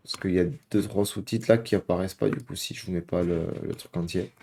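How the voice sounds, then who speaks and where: Deep, gravelly and fairly even in intonation, this young man's voice moves fast as he hosts a laid-back reaction video from home. He keeps addressing his viewers as "guys." He hesitates a lot and leans on fillers.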